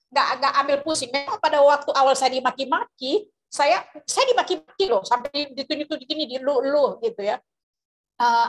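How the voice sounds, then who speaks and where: A woman preacher tells a story over a video call, rambling with many fillers and restarts. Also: high voice. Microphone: video call microphone.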